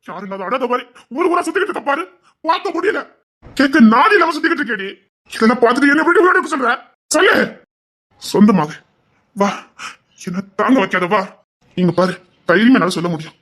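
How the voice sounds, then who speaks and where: An actor with a Tirunelveli Tamil accent playing a desperate young man who pleads with his lover, swinging from hushed pleas to shouting. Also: very high-pitched, animated, brisk, heavily acted. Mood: impassioned. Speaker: actor in a romance drama. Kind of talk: emotional drama acting.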